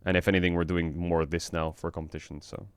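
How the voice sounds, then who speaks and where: A man streaming in casual chat, frank and rambling, swearing often, with a flat delivery because he just woke up. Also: fast talker, clean tone, no room sound. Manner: flat, low-energy delivery. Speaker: streamer and esports team owner.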